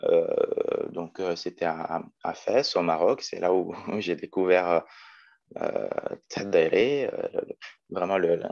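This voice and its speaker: A man's voice: low-pitched, lively intonation, measured pace, vocal fry, darkish tone, muffled recording. A man in his twenties from Morocco, a teacher talking as a guest in a casual interview, thoughtful with many hesitations. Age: 20s. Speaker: guest, special education teacher.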